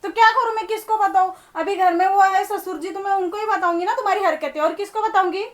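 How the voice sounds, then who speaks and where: A woman's voice: extremely high pitch, fast. A woman playing a hurt young wife who argues and pleads with her husband in a family drama. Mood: accusing. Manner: pleading, emotional.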